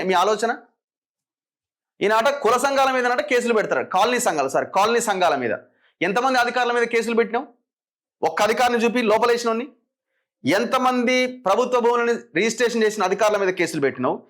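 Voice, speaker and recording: A man's voice: sits high, a bit bright. A man with a Telangana Telugu accent giving opinionated political commentary, firing sarcastic rhetorical questions.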